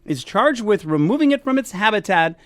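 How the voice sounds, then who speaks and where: Lively, high-voiced male radio host. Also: brisk, no room sound. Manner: chatty, wry asides. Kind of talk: reading news stories on air. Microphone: studio mic.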